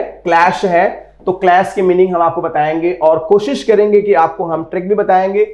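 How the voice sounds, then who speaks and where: A man's voice: on the high side, echoey room. A man with an Indian accent teaching a vocabulary lesson, switching between Hindi and English and having students repeat words aloud. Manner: slow, emphatic English phrases.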